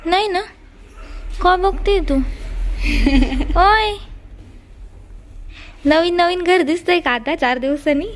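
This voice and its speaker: A woman cooing to a small child in drawn-out baby talk during a casual family chat at home. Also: very high-pitched. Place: indoors at home. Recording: echoey room with faint noise.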